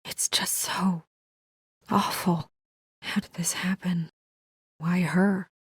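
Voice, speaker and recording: A young official in naturalistic video game dialogue speaks with measured restraint, earnest and composed yet shaken and hushed. It's a full character voice: fairly low, serious and husky with fairly even intonation, captured dry and close with no room sound.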